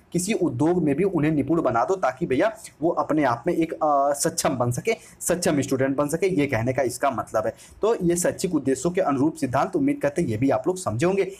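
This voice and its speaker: A man with a somewhat husky, breathy voice pitched a little above the usual gives an exam-prep lecture. He goes over each point more than once, restating it in plainer words, and keeps calling his students "my brother". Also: darkish tone. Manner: explains in repeated restatements, addresses listeners as "my brother". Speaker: teacher.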